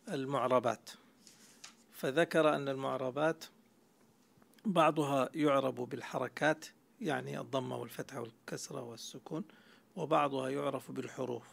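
A man's voice: mid-range voice, creaky. A man teaching Arabic grammar in a classroom lecture, explaining step by step and quizzing his students.

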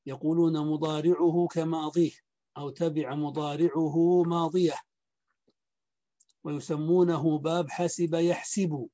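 A man teaching Arabic morphology in a lecture, speaking slowly and deliberately and repeating word patterns. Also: a little high, level tone, dark tone, dull audio. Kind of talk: lecture explaining a grammar book.

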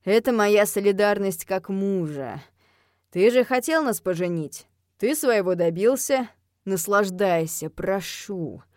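A woman's voice: a little high, animated, brisk, dry recording, studio quality, close to an everyday voice. A woman reading an audiobook, voicing a lazy, amused young husband who drawls and purrs his lines. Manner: drawling, languid.

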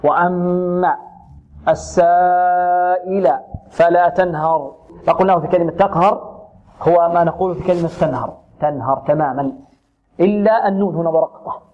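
A man leads a tajweed lesson in a fairly high voice, drawing words out slowly and repeating them as models. He corrects his students often. The recording sounds dull and lo-fi. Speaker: Quran recitation teacher. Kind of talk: tajweed lesson with drilled recitation.

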